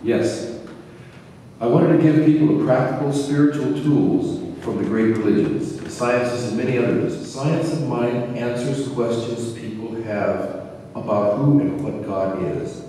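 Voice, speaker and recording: Here the same amateur radio play casts a man as a kindly, inquisitive old spiritual teacher whose mood is thoughtful and confident. He speaks in a mid-range, dark-toned voice, a little slowly and with light acting. A distant mic in a big reverberant hall leaves heavy echo and faint noise.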